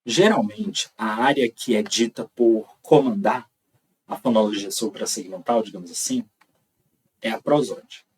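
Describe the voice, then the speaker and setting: A man's voice: fairly low pitch, unhurried, breathy edge, distant mic, poor audio. A man with a Brazilian accent teaching an online lecture, explaining step by step and checking in with frequent "tá?". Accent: Brazilian Portuguese.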